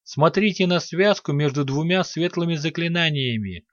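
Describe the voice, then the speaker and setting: A man voicing a sharp-eyed, critical woman mage in an audiobook. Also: fairly high pitch, normal speed, no echo, muffled recording, lightly acted.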